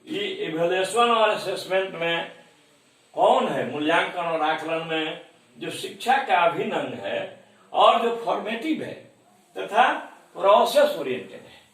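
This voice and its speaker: A male teacher working through exam questions at a measured, unhurried pace. He reads each English question slowly, then explains it step by step. His voice sits a little high and sounds distant in a very echoey room. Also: animated, a bit bright. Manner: explains step by step, mixing Hindi and English terms. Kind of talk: exam-prep lecture.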